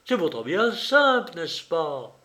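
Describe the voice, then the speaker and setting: A man's voice: on the high side, sing-song, takes it slowly, pushed and bright, full character voice. A man voicing an impatient male army lieutenant in an audiobook, curt and commanding. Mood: lecturing. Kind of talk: audiobook character reading.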